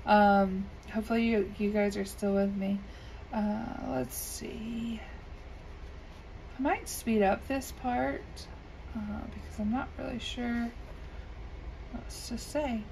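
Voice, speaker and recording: In a slightly high, scratchy voice that is creaky and darkish, a woman who makes coloring videos chats casually while coloring at her desk indoors. Her intonation is fairly even, and she talks slowly and unhurriedly with long pauses and many ums. The audio comes from an overhead camera above the desk.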